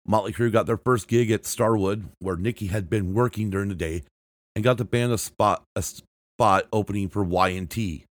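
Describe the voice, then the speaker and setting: A man with a lowish voice reads a band's history for his podcast, recorded close and dry with no room sound. He often trips over words and restarts them, and he marks every quotation aloud. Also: normal speed, no echo. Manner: reads from a script with frequent restarts and self-corrections; marks quotes aloud with "and I quote" and "end quote". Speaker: podcast host. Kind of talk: read-aloud music history narration.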